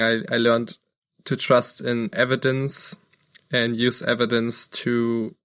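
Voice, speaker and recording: Speaking in a clean, mid-range voice, a young man from Germany shares his background on the podcast he co-hosts. The chat is casual, and his manner stays earnest and steady, though he sometimes starts a sentence over.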